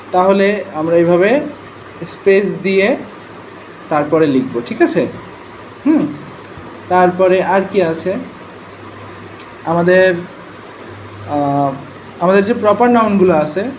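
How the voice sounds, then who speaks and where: A man's voice: sits high, a little mellow, a little hiss or hum, rough recording. A man explains transcription rules to a class in a conversational way, often checking in with his listeners. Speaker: transcription trainer.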